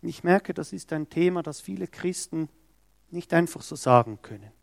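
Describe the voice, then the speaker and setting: A man's voice: a little high, lively intonation, vocal fry, no echo. A man preaching a sermon, reading scripture and stressing quoted words with emphasis. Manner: slow, emphatic, acts out quoted speech.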